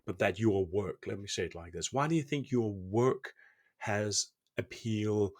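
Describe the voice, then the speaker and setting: A man's voice: on the low side, measured pace. A man from Denmark, interviewing and searching for words as he asks questions. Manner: hesitant, searching, restarts sentences.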